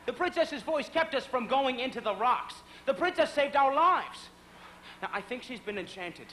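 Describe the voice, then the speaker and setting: An actor playing a brave, earnest, commanding sea captain with declamatory delivery in a stage musical. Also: male voice, extremely high pitch, lively intonation, moderate pace, slight background noise, full character voice, low-quality recording. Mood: resolute. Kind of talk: musical stage show acting. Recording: stage show under loud music.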